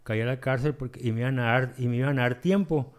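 A man telling his recovery testimony, halting and repeating himself, acting out dialogue as he goes. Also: medium pitch. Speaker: guest sharing a recovery testimony. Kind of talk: emotional personal storytelling.

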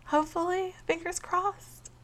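Slow, chatty, giggly young woman. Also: very high voice, flat delivery, fairly bright tone. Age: 20s. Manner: chatty and giggly, lots of fillers. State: congested. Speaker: vlogger. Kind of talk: casual chat to camera.

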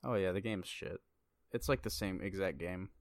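A man's voice: low voice, moderate pace, no room sound. A young man co-hosting a casual podcast chat, teasing his friend with dry sarcasm. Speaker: podcast co-host.

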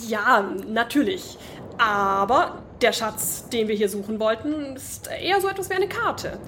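A woman plays a refined adventuring lady in an audio drama. The voice is on the high side, formal and composed, with courteous phrasing and slight noise in the recording. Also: lively intonation, a little slow, fairly bright tone. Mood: composed, explaining. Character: composed, well-spoken noble lady treasure seeker.

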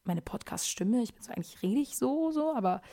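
A woman's voice: fairly high pitch, expressive, fairly quick, mellow. A young woman in her twenties hosting a casual solo podcast from her kitchen, rambling in slangy speech and dropping "Digga" all the time. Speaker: podcast host. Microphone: podcast microphone.

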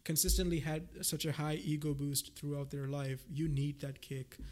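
A young Indian man whose native language is Gujarati, a PhD researcher, chats casually as a podcast guest, talking a lot and often repeating and rephrasing himself. His voice is on the high side, level and a little mellow, at a moderate pace.

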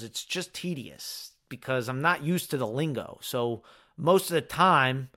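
A man hosting a solo podcast, talking candidly and profanely, swinging between heated ranting and quiet reflection. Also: medium pitch. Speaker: podcast host.

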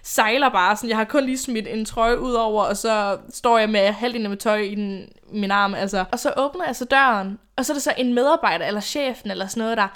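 Young female podcast host telling stories, chatty and rambling, smooth clear tone. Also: a little high, few pauses, a bit bright. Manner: rambling, chatty, laughs often. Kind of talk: casual storytime chat.

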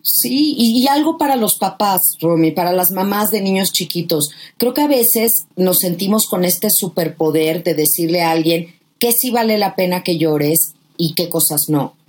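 A woman's voice: lowish voice, lively intonation, normal speed, few pauses, darkish tone. A woman, a guest author giving emphatic, impassioned advice about grief in conversation.

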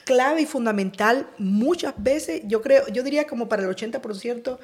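A woman's voice: a little high, normal speed, darkish tone. Female co-host of a faith podcast. Earnest and emphatic. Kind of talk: podcast interview.

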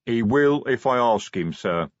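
A man voicing a big male troll sergeant who talks slowly and patiently, with broken grammar. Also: medium pitch, expressive, no echo, natural voice. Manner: slow, patient, plodding, ungrammatical. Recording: dry, slightly dull audiobook sound.

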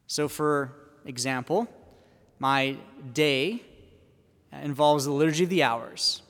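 A priest preaches into a pulpit microphone, taking his time and leaving room between his phrases. His voice sits a little high for a man. His words hang in a long church reverb. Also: steady tone, a bit bright. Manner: measured preaching, posing questions to the congregation. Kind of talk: Sunday homily.

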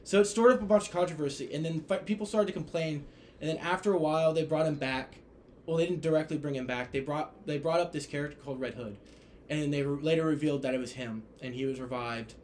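Man, podcast guest, casual chat, animated, swears a lot, slightly high voice, faint background noise. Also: fast talker. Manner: animated storyteller, swears freely.

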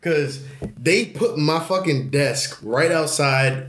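A man's voice: fairly high pitch, slow, a bit bright. A man hosting a podcast in casual chat, telling stories animatedly and acting out quotes. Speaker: podcast host. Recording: echoey room with faint noise.

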